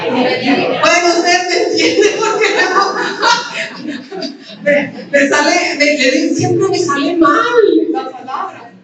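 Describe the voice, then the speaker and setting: High-voiced Mexican woman pastor preaching. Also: takes it slowly, long pauses, a crowd in the background. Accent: Mexican Spanish. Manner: conversational, asks the audience questions. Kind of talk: sermon. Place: women's conference hall. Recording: very echoey hall, distant mic, faint noise.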